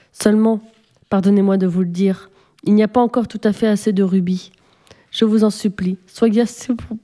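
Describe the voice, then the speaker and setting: A woman's voice: medium pitch, warm tone, natural voice. A woman voicing a young lovesick man in a storybook, speaking in a pleading way.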